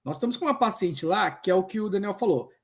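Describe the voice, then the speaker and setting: Here the Brazilian social worker's voice sits high, and he talks fast. Telling lively stories from his health-unit job to an open class, he performs each quoted voice himself.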